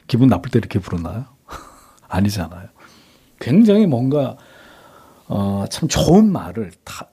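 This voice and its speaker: A middle-aged male pastor preaching a sermon, acting out a father's words in a soft, tender voice and then rising to lively emphasis. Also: medium pitch, husky.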